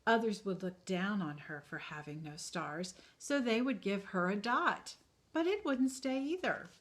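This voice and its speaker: A woman teacher reading a children's story aloud in a calm, expressive way. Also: mid-range voice, a little slow.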